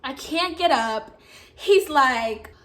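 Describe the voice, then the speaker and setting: High, bright-voiced young woman storyteller. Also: expressive, slow pace. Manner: dramatic, acts out quotes loudly. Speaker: storytime vlogger. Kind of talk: animated storytelling.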